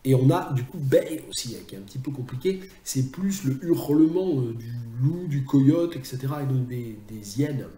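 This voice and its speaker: A man's voice: mid-range voice, normal speed, hardly any pauses, warm tone, reverberant. A man teaching translation in a recorded video lecture, chatty and self-mocking, often drifting into asides.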